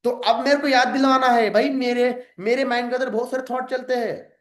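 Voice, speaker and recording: A man with a high voice coaches his sales team in a direct, lecturing way. He often acts out sample phone calls to show how it is done. The room around him is echoey. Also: fairly even intonation, fairly quick, a bit bright. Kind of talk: informal coaching talk to a team.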